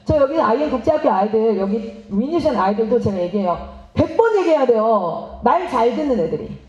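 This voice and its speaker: A woman missionary giving a lively seminar talk, asking the audience questions and acting out parents and children. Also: on the high side, brisk. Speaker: missionary speaking at a teachers' seminar. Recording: roomy, slightly dull hall recording.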